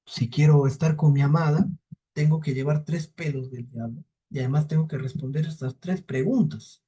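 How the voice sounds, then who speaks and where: A man's voice: on the high side, normal speed, warm tone, slightly rough, muffled recording. A man voicing a determined young man on a quest, speaking plainly and earnestly.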